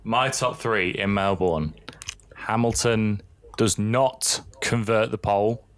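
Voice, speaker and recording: A young man co-hosting a podcast in casual chat, excitable and animated in banter. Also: fairly low pitch, takes it slowly. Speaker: podcast co-host.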